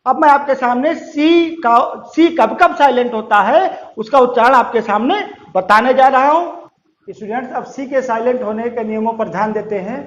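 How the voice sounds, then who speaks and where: A man teaching a lesson to students, repeating each rule slowly and asking them questions before answering himself. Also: very high voice. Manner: slow, drawn-out repetition of rules; addresses students directly, asks and answers questions. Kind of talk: classroom-style lesson. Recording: roomy, slightly dull sound.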